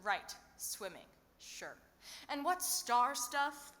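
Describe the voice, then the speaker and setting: Boy for stage play, acted: blunt, wary, bright voice, echoey hall. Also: high voice, sing-song, takes it slowly, heavily acted. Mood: wary, curious. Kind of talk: theatrical stage acting.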